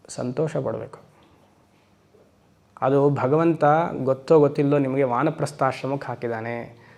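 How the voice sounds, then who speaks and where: A swami teaching Vedanta to a class. He keeps putting questions to his listeners and slows down for emphatic English phrases. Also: a little high, darkish tone. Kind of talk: spiritual lecture to a class. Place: lecture hall.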